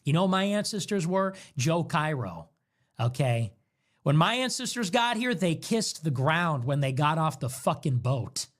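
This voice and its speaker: A man's voice: fairly high pitch, very animated, measured pace. A man in an angry, profane political rant, hurling insults. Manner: furious, profane, shouting insults.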